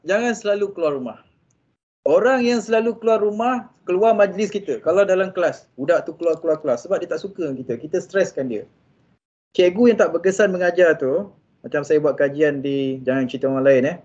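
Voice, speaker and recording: A man with a Malaysian accent delivers a religious motivational talk, calling out to his listeners and dropping English phrases into his points. His voice sits on the higher side. The recording is muffled and lo-fi. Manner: animated, mixes English phrases, often addresses audience directly. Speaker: motivational speaker at a staff talk. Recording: dull lo-fi sound.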